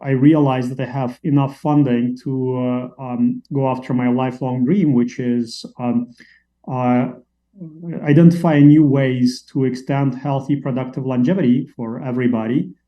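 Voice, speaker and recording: A man from Latvia, a company CEO, answering interview questions at length with many fillers and pauses. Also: medium pitch, fairly even intonation, muffled recording. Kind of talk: interview conversation.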